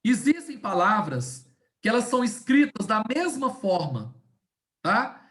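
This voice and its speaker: A woman teacher giving a class over a video call. She explains step by step, slows down to stress key words, and keeps checking that her students are following. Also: a little high, sing-song, a bit bright. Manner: didactic, checks in often with "tá?" and "né?". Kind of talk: online class lecture.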